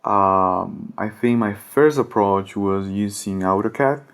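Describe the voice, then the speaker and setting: A man's voice: fairly low pitch, slow pace. A man in his thirties from Ecuador, speaking English with an Ecuadorian Spanish accent as a podcast guest, hesitant and full of fillers. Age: 30s. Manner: hesitant, many fillers, searching for words. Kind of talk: podcast interview.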